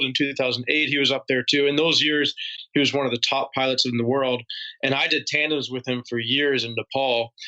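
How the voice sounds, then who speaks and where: A man's voice: mid-range voice, pushed and bright, muffled recording. A man guest on a podcast, telling stories casually, laughing easily and swearing now and then. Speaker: podcast guest, paragliding instructor.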